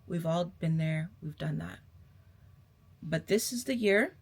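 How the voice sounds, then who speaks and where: A woman's voice: low voice, expressive, slow, a little mellow. A young adult woman vlogger giving a casual motivational pep talk to camera, sassy and emphatic, repeating herself and calling her viewers babe.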